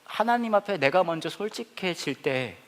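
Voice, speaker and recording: Male pastor, slightly high voice with swinging pitch; light, joking sermon storytelling. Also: moderate pace. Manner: joking, self-mocking, lively storyteller. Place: church service before a congregation.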